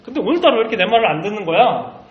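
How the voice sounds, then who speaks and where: A man voicing an exasperated prophet who rants quickly at his donkey, in a children's Bible story. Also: sits high, big pitch swings, pitched above the performer's own voice. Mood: angry. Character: angry old prophet scolding his donkey. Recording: roomy, slightly muffled recording.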